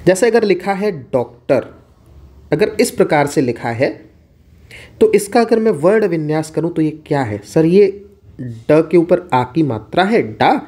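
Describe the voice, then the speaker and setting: Hindi teacher explaining step by step. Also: male voice, on the high side, expressive, measured pace, mellow. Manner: asks and answers his own questions. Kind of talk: exam-prep Hindi lesson.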